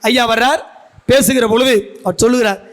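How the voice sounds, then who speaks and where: A man's voice: very high-pitched, fairly quick, fairly bright tone. A man giving a guest speech at a school function, telling stories and putting questions to the audience as a seasoned debate speaker. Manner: storytelling orator who asks the audience questions.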